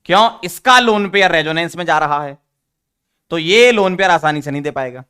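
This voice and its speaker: A man teaching an online chemistry lesson, teasing his students and repeating key rules slowly for emphasis. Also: a little high, animated, pushed and bright, smooth. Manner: teasing, addresses students as beta.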